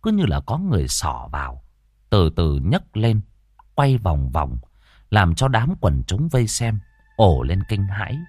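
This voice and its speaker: A man narrating a ghost story in expressive audiobook style. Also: lowish voice, measured pace, dry recording.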